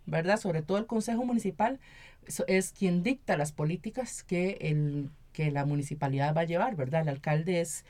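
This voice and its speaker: On a conversational radio show, a guest with a Costa Rican accent speaks in a lowish, dark-toned voice at a moderate pace. She is a local council member and activist who gives long explanations. She frequently tacks "¿verdad?" onto her statements as a check-in.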